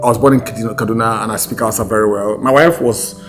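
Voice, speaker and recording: A man's voice: on the low side, steady tone, quick pace, music in the background. A man from Nigeria with a Nigerian accent, co-hosting a casual chat in a playful, enthusiastic way. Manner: enthusiastic, playful, laughs often. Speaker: podcast co-host.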